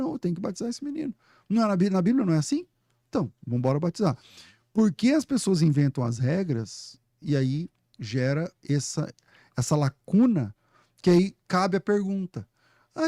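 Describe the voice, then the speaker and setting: A Brazilian man in his forties, a pastor guest on a podcast, slightly high yet mellow voice, dry close studio sound. He tells stories with animated energy, laughing and acting out the dialogue. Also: no echo. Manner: animated, laughing storyteller who quotes himself. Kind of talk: casual podcast storytelling.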